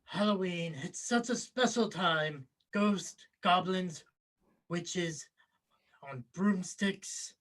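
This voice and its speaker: Guy doing macabre comedy uncle, easygoing and sentimental, slow deliberate delivery, bright voice. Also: sits high. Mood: wistful, contented. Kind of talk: amateur table read of a film comedy.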